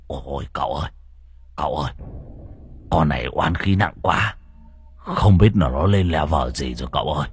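A fretful exorcist's assistant in a horror storybook, voiced by a male narrator, anxious and hushed as he pleads with his master. The voice is low and husky, set back a little from the mic. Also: expressive, moderate pace, long pauses, exaggerated voice. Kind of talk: audio horror story reading.

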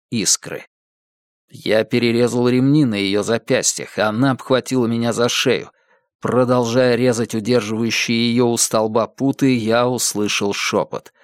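A man's voice: mid-range voice, no echo. Brief: male audiobook narrator, tense dramatic first-person reading, dry close sound.

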